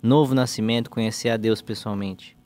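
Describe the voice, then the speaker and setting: A man's voice: on the low side, steady tone, brisk, darkish tone. A man hosts a podcast interview. He asks prompting questions and answers with brief affirmations. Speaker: podcast host. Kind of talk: interview conversation.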